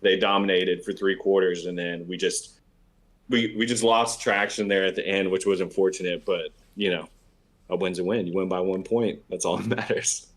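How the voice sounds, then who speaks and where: Low-voiced man venting on a sports podcast. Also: fairly even intonation, normal speed. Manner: heated, emphatic, frustrated venting. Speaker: podcast co-host. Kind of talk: casual sports chat.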